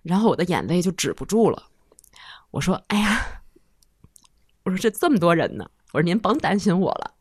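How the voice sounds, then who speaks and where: A woman in her thirties, a guest on a talk show, telling an emotional personal story in a halting, heartfelt way. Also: lowish voice, sing-song, breathy edge, no room sound, studio quality. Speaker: guest listener.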